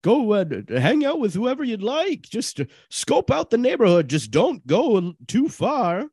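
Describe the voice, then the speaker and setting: A man's voice: extremely high pitch, wildly swooping pitch, normal speed, a little mellow, slightly rough, no echo, studio quality, full character voice. A man voicing an overly enthusiastic 1950s suburban father in an improv comedy scene. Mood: eager. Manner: overly enthusiastic, sing-song. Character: eager cheerful 1950s suburban dad.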